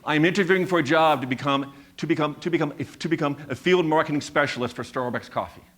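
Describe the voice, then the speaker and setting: Speaking on stage, a man in his fifties shares a personal story, his stutter repeating sounds and words. He drives his points home with deliberate, emphatic repetition, in a slightly high, fairly bright voice.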